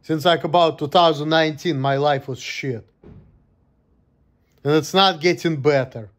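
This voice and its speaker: A man's voice: on the high side, unhurried. Gloomy, cursing man in his thirties. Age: 30s. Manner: gloomy, profane venting. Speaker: vlogger. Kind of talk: casual monologue.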